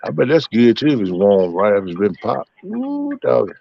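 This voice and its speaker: A man's voice: on the low side, expressive, a little fast, creaky. A middle-aged man, casually chatting with his livestream viewers in a rambling, folksy way. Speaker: livestream host. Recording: muffled, dry.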